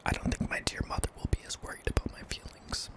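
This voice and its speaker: In a breathy, near-silent ASMR whisper touched with creak, a man narrates a frightening tale. He goes slowly and deliberately, breaking it into brief phrases.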